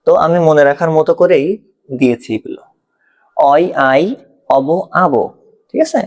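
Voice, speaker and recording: A man's voice: on the high side, steady tone, moderate pace. A man with a Bangladeshi Bengali accent teaching an exam-prep grammar lesson, explaining step by step and often checking if the learner follows.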